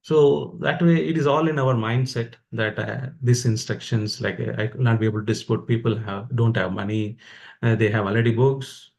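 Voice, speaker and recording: A man's voice: medium pitch, fairly even intonation, normal speed, creaky, a little mellow, slight background noise. A man with an Indian accent giving an informal, exhortative religious talk to motivate fellow devotees.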